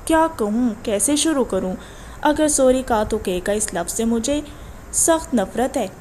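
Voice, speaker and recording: A feisty young heroine, acted by a woman narrator, sharp-tongued and sarcastic, easily flustered. Her voice is on the high side, over a faint background hiss. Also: lively intonation, close to an everyday voice.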